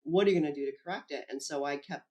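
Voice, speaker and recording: Female interview guest, animated storyteller who acts out dialogue. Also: low voice, racing. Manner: animated, acts out quoted dialogue, laughs often. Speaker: whistleblower guest.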